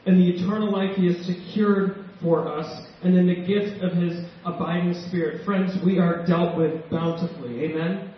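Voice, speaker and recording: A male pastor preaching a sermon with emotion and slow, emphatic pauses. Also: sits high, steady tone, slight background noise. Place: church sanctuary. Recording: echoey church hall, distant mic, dull sound.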